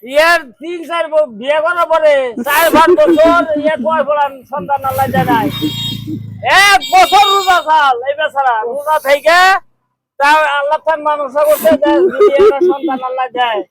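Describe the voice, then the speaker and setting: A man playing a loud local man who sides with the father in an amateur street drama. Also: very high-pitched, moderate pace. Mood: scolding.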